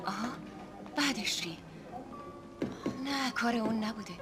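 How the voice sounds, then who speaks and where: A woman's voice: on the high side, over music, natural voice. An actress dubbing a busy, curt woman who is serving customers. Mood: impatient. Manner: curt and impatient. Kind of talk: film dub.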